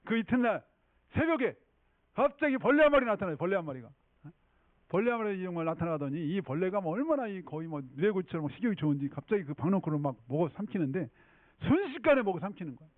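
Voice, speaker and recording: A male pastor tells a sermon story in a chatty way and keeps checking in with his listeners. His voice sits high and moves a lot. The recording is thin, phone-like and dry. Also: sing-song, fast talker, no room sound. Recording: tinny phone-like dry sound.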